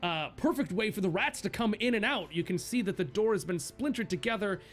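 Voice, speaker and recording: A man puts on the voice of a jubilant tavern keeper, gushing with thanks and exclaiming everything. The voice sits high and lively. Faint music plays behind him. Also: brisk. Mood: explaining. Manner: effusive, exclaiming. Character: jovial grateful tavern bartender, grown man.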